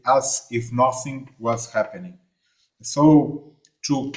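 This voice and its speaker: Hesitant man speaking over a video call. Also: medium pitch. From Argentina. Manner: halting, many fillers and restarts. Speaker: invited remote speaker. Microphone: remote video call.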